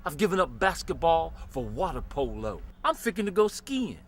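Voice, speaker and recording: Man as a hushed, deadpan spokesman in a mock beer ad. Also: a little high, normal speed. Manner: quiet, laid-back, deadpan. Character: mellow, low-key man in a parody beer ad.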